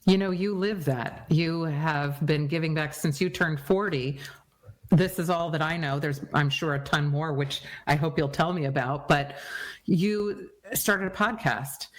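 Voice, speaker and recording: A woman's voice: deep voice, measured pace. A woman hosting a podcast interview, asking questions and praising her guest effusively. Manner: warmly affirming, effusive praise. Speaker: podcast host.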